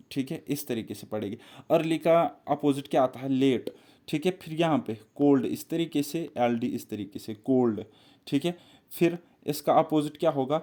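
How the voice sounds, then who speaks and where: Man, teacher, step-by-step explaining, quizzes listener, fairly high pitch. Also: a little mellow. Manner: repetitive, step-by-step, quizzes the viewer. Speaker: exam-prep teacher. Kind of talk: explaining reasoning puzzles on a board.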